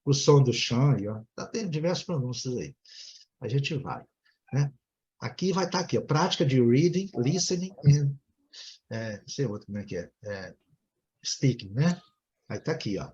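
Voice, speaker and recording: Brazilian man teaching English over a video call, chatty, keeps asking "né?", middle pitch, slightly muffled line. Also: expressive, moderate pace, a little mellow. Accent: Brazilian Portuguese. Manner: chatty, ends nearly every phrase with "né?". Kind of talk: online class, explaining a lesson.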